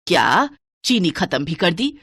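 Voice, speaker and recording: Cartoon story: stingy bossy mother-in-law, voiced by a woman, low and stern. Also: sing-song, measured pace, a bit bright, slightly rough, dry recording, studio quality, full character voice. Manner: scolding, penny-pinching nagging.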